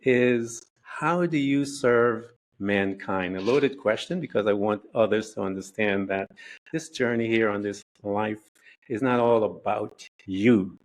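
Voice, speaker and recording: A man hosting an inspirational podcast interview, earnest and preachy, speaking slowly and deliberately. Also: fairly low pitch, rough recording. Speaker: podcast host.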